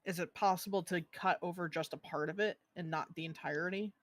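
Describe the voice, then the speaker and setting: A player voicing a measured young nobleman. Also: mid-range voice, fairly even intonation, no room sound, close to an everyday voice. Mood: pondering. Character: male noble passenger, thoughtful, measured. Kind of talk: tabletop role-play.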